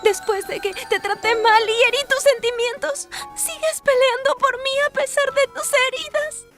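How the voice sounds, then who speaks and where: A woman's voice: very high-pitched, fairly even intonation, moderate pace. An actress playing an earnest, devoted young woman, pleading emotionally in a Latin American Spanish anime dub. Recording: music behind the voice.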